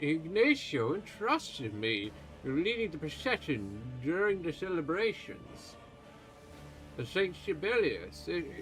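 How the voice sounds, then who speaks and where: A man's voice: high-pitched, a bit bright, voice pushed up, exaggerated voice, poor audio. A man voicing an aging male church pontifex who is stern and secretive, speaking in a formal, haughty, old-fashioned way. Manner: formal archaic speech, haughty and accusing.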